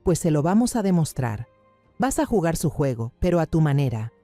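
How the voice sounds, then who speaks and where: Man doing a older woman baker, fierce, loyal, determined, dark tone, dry sound. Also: on the high side, sing-song, moderate pace, dry recording, soft background music. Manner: forceful, determined, commanding.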